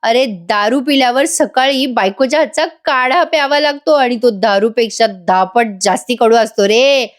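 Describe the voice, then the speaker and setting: A woman's voice: high-pitched, moderate pace, few pauses, natural voice. A woman voicing a cheerful, good-natured young husband who teases his friend. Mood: teasing.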